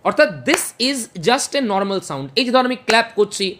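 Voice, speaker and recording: A woman's voice: a little high, lively intonation, moderate pace, a bit bright, a little hiss or hum. A woman teaching a phonetics class, explaining patiently, repeating and sounding out each speech sound and checking that students follow. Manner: checks understanding with questions. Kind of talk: classroom lecture mixing Bengali and English.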